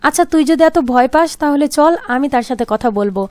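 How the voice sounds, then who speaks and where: A woman's voice: high voice, animated, darkish tone, no room sound. Woman voicing a pushy young village schemer. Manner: bossy, quick and teasing.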